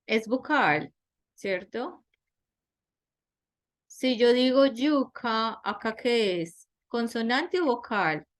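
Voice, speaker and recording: A woman teaching an online class at an unhurried pace, explaining each rule carefully. Her voice sits a little high for a woman, and she keeps checking in with her students through questions. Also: expressive. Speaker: English teacher.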